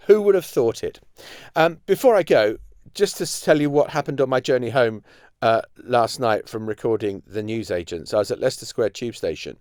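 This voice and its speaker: A man hosts a news podcast and signs off with a story at his own expense. His pitch rises and falls in a lively, animated way. The sound is dry and close. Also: no echo. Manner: self-mocking storytelling. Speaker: podcast host. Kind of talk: closing anecdote to listeners.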